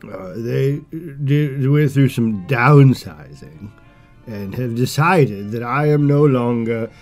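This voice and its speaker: In a British English accent, a podcast host plays a pompous, self-important royal who used to be a broadcaster, halting and mumbling as he rambles through a comedic movie review. His pitch is medium and his tone darkish, with faint music in the background.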